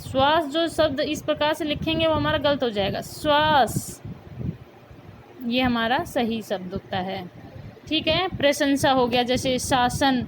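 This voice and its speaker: A woman teacher giving a school grammar lesson, saying each word slowly and repeating it for her pupils. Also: high voice, background noise. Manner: slow, repeats words for pupils.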